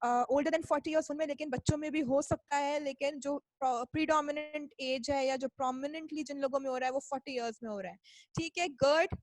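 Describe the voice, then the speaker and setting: A woman's voice: sits high, fairly even intonation, a little fast, no room sound, poor audio. A woman giving a medical lecture, explaining step by step, checking in with her listeners after almost every phrase and mixing English terms into her talk. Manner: mixes English medical terms into Hindi speech; playful asides. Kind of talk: recorded lecture.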